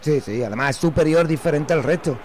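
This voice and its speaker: A man giving conversational football punditry on radio, halting and repeating himself. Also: on the high side, a little mellow, a little hiss or hum. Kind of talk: conversational live radio commentary.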